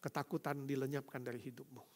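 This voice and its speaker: A man preaching a sermon, swinging between loud proclamations and soft, quiet passages, addressing listeners as brothers and sisters and asking them direct questions. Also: medium pitch, little pitch movement, fast talker. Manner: calls the audience "saudara" and asks them direct questions. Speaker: pastor.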